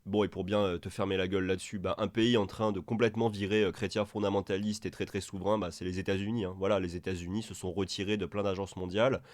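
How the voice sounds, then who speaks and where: A man's voice: low-pitched, level tone, quick pace, hardly any pauses, no echo. A man giving sarcastic reaction commentary, mocking and crude, talking straight to the person in the clip he is answering. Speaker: video commentator.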